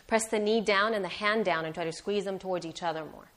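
Female yoga teacher for a live class: careful, unhurried, encouraging step-by-step cues in a mid-pitched voice. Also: a bit bright. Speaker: yoga instructor.

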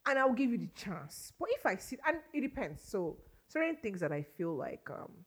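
Animated woman telling stories. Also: medium pitch, moderate pace, slightly rough. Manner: animated, laughs often while telling stories. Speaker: podcast guest. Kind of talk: casual chat, storytelling.

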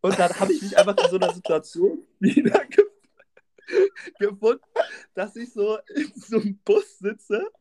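Young male storyteller, lively anecdote, jumps into shrill voices for the people in it. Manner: acts out other people's lines in raised voices.

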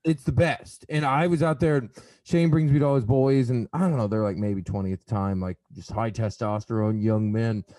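A man's voice: medium pitch, fairly even intonation, brisk, warm tone, no room sound. A man from the American South chatting casually, telling stories animatedly, swearing freely and acting out quotes. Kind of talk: casual chat.

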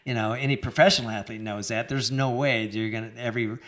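An older man, a former marathon runner, telling stories in a relaxed interview, laughing often and acting out the people he quotes. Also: mid-range voice, fast talker. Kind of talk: casual storytelling interview.

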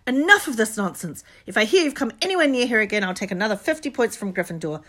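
A woman voicing a strict older female professor who speaks briskly and firmly. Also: medium pitch, close to an everyday voice. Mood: angry. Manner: brisk and clipped, firm.

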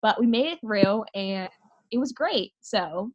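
A woman's voice: mid-range voice, animated, a little slow, muffled recording. A young woman chatting casually and telling a story with lots of fillers. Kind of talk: casual chat.

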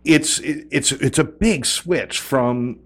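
A man's voice: mid-range voice, slow, a bit bright, husky. A man interviews his guest in an affirming, supportive way. His questions are long and reflective and wind around before landing. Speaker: host interviewer.

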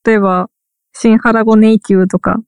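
A woman's voice: medium pitch, little pitch movement, fairly quick, darkish tone, clear, resonant tone, no room sound. A woman from Ehime who teaches English literature, chatting casually, wry and trailing off as she searches for words. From Ehime, Japan. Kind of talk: casual chat.

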